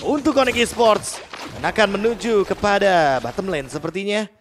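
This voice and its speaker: High-voiced male game announcer, emphatic. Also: normal speed, background noise. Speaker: esports shoutcaster. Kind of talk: fighting game announcer style live commentary. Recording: music under the commentary. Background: music.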